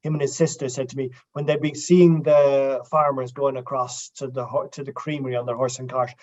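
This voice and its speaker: An Irish man, a writer and guest in an interview, telling lively stories and dropping in Irish-language phrases. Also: medium pitch, fairly quick, highs cut off. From Ireland. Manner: animated storytelling, quotes Irish phrases. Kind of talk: casual interview talk.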